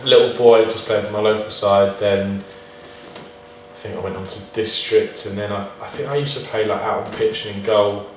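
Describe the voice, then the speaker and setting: A football player chats casually in an interview, his lowish voice moving at a moderate pace with fairly even intonation. He answers hesitantly, downplaying himself with understated, self-deprecating remarks. The room is very echoey, the mic sits far away, and there's faint background noise.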